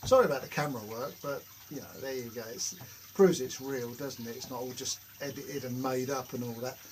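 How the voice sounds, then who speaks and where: A man's voice: medium pitch, fairly quick, noisy background. A man vlogging casually from his home workshop shed, telling jokey, self-mocking stories to the camera. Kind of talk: casual rambling chat to camera.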